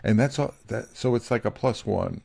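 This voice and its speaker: A man's voice: fairly low pitch, moderate pace, creaky, darkish tone. Candid, rambling middle-aged male podcaster. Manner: candid, rambling, gets feisty. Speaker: podcast co-host. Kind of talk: casual podcast chat. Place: home office.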